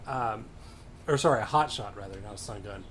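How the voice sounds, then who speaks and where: A man's voice: on the low side, a little fast, fairly bright tone, a little hiss or hum. A man hosting a casual podcast, recapping matches play by play with dry sarcasm and frequent swearing. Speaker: podcast host.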